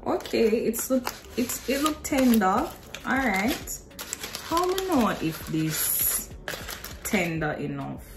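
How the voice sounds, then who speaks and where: With music playing in the background, a twenty-something woman with a Jamaican accent films a cooking vlog at home, chatting casually in informal, Creole-flavored speech. She speaks at a slow pace, her voice a little high with big pitch swings.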